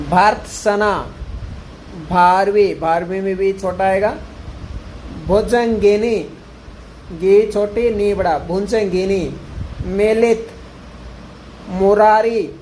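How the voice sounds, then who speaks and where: Slow, drilling male Hindi teacher. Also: sits high, a little mellow, a little hiss or hum, poor audio. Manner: slow, repeats each word to drill it. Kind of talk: exam-prep grammar lesson.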